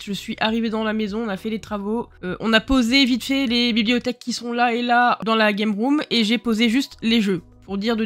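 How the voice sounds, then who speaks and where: A tired young woman from France chatting casually about her retro game collection, laughing at herself and swearing now and then. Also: on the high side. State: tired after work. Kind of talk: casual vlog chat. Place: game room at home, indoors.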